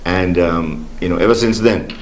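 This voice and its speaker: An older Caribbean man born in Grenada, a sports official appearing as a studio guest, tells his life story in relaxed interview answers peppered with fillers. His voice is low at a normal pace, with slight background noise.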